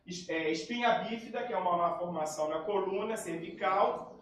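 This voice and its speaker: A man's voice: high-pitched, moderate pace, a bit bright. A man giving a spiritist talk, telling a personal story and acting out the dialogue of the people in it. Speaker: spiritist lecturer. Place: lecture hall. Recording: very echoey hall, far from mic.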